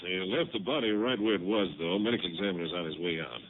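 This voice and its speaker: A low-pitched man speaking at a quick pace voices a relaxed, folksy country sheriff for a 1950s radio drama, drawling in an easygoing way. The sound is that of an old radio broadcast: tinny, lo-fi, with a faint hiss.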